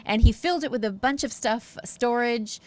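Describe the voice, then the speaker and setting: A woman as a TV interview guest, telling anecdotes and promoting an event with lively emphasis. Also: fairly high pitch, moderate pace.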